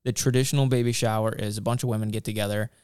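A man's voice: fairly low pitch, fairly even intonation, racing, a little mellow, clean tone, dry recording, clean studio sound. A man in his thirties co-hosting a casual podcast chat, laid-back and rambling with restarts. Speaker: podcast co-host, father-to-be.

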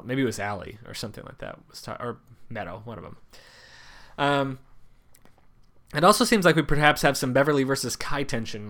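A man's voice: mid-range voice, a bit bright. A man co-hosting a podcast with a congested, nasal voice, chatting casually and thinking aloud with many fillers. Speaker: podcast co-host. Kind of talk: casual chat about a TV show.

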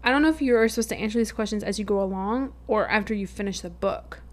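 A woman's voice: mid-range voice, quick pace. A young adult woman co-hosting a podcast, chatting casually and playing up her own drama. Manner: chatty, self-mockingly dramatic. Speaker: podcast co-host. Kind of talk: casual chat.

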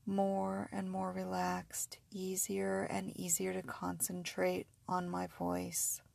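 A woman's voice: lowish voice, completely flat delivery, slow, gravelly, a little mellow. A woman narrating guided sleep hypnosis like a sleep story narrator, in a soothing, repetitive, suggestive way.

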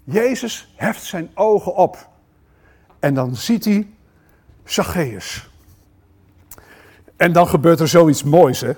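A male preacher delivering a sermon at a church service. His voice sits high and he takes his time, drawing out his words. He speaks straight to the congregation with questions, and his volume keeps swinging between loud and hushed. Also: expressive, takes it slowly, long pauses. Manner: talks directly to the congregation with questions.

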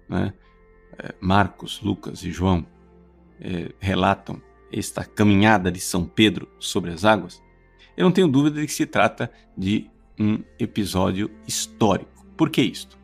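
A priest preaches a daily homily in an earnest, explanatory teaching tone. He often pauses on small fillers as he works through his points. His voice carries a gravelly, fry-laced edge, with faint music underneath. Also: lowish voice.

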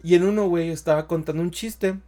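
A young Mexican man, a stand-up comedian, telling stories in a slangy, animated way and acting out what people said. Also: high voice, quick pace. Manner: animated storyteller, slangy, acts out quotes. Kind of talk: casual podcast chat.

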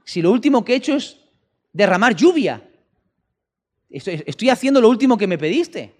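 A man voicing God as a puzzled, gentle divine figure asking what he has done wrong. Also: high voice, very animated, moderate pace, voice pushed up. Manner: bewildered, pleading questions. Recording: long church-hall reverb.

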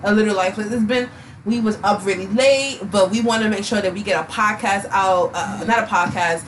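A woman's voice: medium pitch, a little fast, recorded from a distance, slight background noise. Sleepy woman podcast host, loose chat. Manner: loose, filler-heavy, playful teasing. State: tired, sleepy. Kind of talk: casual chat.

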